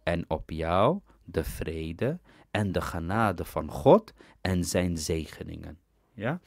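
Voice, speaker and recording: Slow, animated man teaching Arabic grammar. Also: low-pitched, vocal fry, no room sound, clean studio sound. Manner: explains step by step, asks "ja?" to check understanding. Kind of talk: recorded language lesson.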